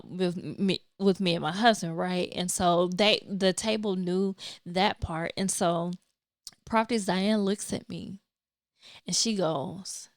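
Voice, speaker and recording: A woman podcaster telling a personal faith story, acting out her own reactions in lively, animated storytelling. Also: fairly low pitch, dry recording, clean studio sound. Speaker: podcaster and videographer. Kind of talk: personal testimony vlog.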